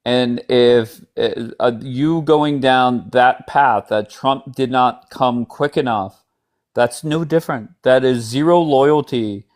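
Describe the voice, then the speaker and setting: Hosting a heated political call-in debate on a livestream, a man speaks bluntly and profanely, interrupting his guests. His voice is mid-range and slow.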